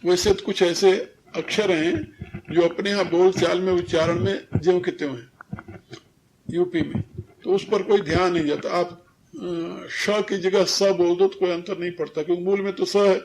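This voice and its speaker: This 1993 recording captures an older spiritual teacher giving a religious discourse, his high, darkish voice steady and moderately paced over some hiss or hum. He explains in an instructive manner and frequently laughs softly as he corrects people's pronunciation.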